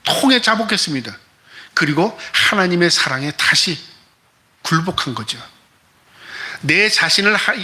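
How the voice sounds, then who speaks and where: A man's voice: a little high, sharp tone. A man preaching as a pastor, delivering an emphatic sermon full of rhetorical questions to the congregation.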